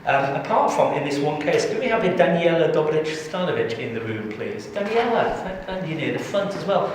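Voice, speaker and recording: Jokey presenter in an echoey hall. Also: male voice, a little high, animated, brisk, far from the mic, noisy background. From England. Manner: jokey, chatty, engages the audience. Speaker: tax trainer. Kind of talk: live training presentation. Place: large training room.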